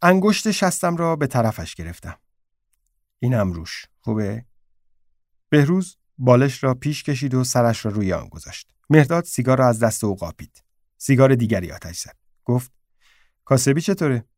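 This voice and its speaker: A man reading a short story aloud in a subdued, low-key way. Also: lively intonation, a little mellow, no echo, studio quality. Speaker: narrator.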